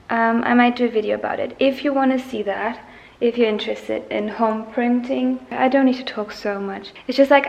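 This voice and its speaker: Chatty young woman with a gravelly edge. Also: fairly high pitch. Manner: chatty, laughs often, many ums. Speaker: artist vlogger. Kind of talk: casual studio vlog. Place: home art studio.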